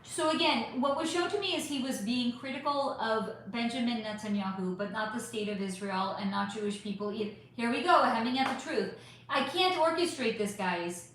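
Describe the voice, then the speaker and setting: A psychic channel host rambles through her live chat with emphasis, dropping the occasional swear word, at a moderate pace. Her slightly high, fairly bright voice is turning hoarse, and strong reverberation fills the echoey room she records in.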